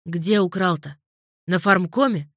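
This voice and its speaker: A woman's voice: lowish voice, a little slow, fairly bright tone, no room sound, clean studio sound. A woman voicing a stern male investigator who questions a suspect firmly. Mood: probing. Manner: firm, probing, threatening.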